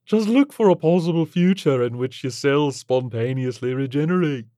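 A man voicing a laid-back male tentacled alien who drawls in relaxed slang. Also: mid-range voice, normal speed, dry recording, clean studio sound, pitched above the performer's own voice, lightly acted.

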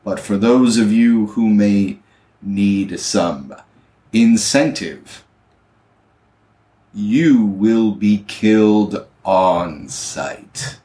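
A man doing a booming, stern guard captain. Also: expressive, mellow. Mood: commanding. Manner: slow, measured threats. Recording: roomy echo.

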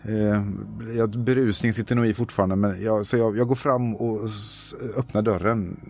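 A man with a lowish, darkish voice and fairly even intonation plays a tabletop role-playing game. He hesitates and stammers while thinking aloud about what his character does, with faint music behind him.

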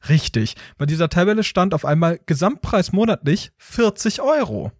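A man hosting a casual podcast, telling a story with lively acted-out voices of phone agents and a robotic menu. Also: high voice, normal speed, no room sound, studio quality.

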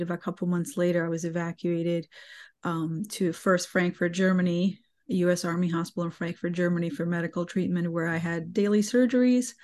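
Flat-voiced woman guest. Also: on the low side. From Bosnia. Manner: measured, halting, with many fillers. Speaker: podcast guest. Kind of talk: personal interview storytelling.

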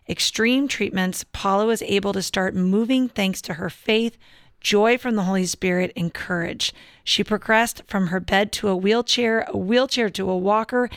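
A woman co-hosting a faith podcast, reading a guest introduction in a measured, earnest way. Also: mid-range voice, fairly bright tone, clear, resonant tone, no room sound, clean studio sound. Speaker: podcast co-host. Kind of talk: scripted introduction and interviewing.

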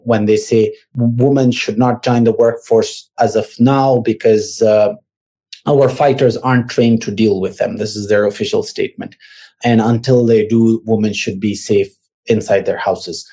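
A man from Afghanistan speaks as an interview guest, pausing often and restarting his sentences. His voice sits low and mellow, and his delivery stays flat and even. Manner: hesitant, many fillers and restarts. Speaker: guest analyst; university teacher. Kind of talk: interview answers.

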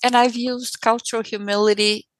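A woman's voice: fairly high pitch, level tone, normal speed, dry recording, poor audio. Woman parent in an interview, earnest, repeats phrases for emphasis, dry close sound. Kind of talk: conversational interview.

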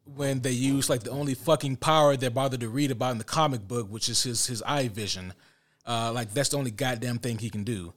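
A podcast co-host talks a little fast in a mid-range voice during a casual chat ranking movie villains. He's blunt, swears, and often restarts his sentences.

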